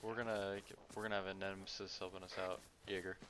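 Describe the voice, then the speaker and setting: Low male, quick delivery, radio operator in military game chat, faint noise. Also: level tone, fairly bright tone. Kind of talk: casual tactical voice chat.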